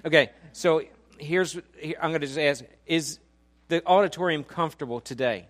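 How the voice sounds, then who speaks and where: A man's voice: fairly high pitch, normal speed, fairly bright tone. A man in his forties preaching a sermon in a church auditorium, talking in a conversational, joking way and quizzing the congregation. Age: 40s. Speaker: pastor.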